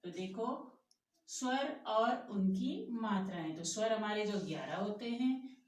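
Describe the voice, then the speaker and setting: Woman, primary teacher; slow, patient lesson delivery with question-and-answer drills; echoey room, distant mic. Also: mid-range voice, lively intonation. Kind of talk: Hindi grammar lesson for young children.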